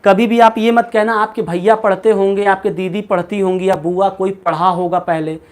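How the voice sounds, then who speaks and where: High-voiced teacher quizzing his class. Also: flat delivery, moderate pace. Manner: keeps quizzing students, repeats questions, calls them by name and pet names. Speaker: English teacher. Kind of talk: live online class lecture.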